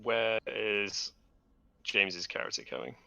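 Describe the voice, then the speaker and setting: A man's voice: fairly low pitch, fairly even intonation, slow pace, vocal fry, sharp tone, smooth, muffled recording. A man acting as game master, narrating and explaining rules in an online tabletop role-playing game.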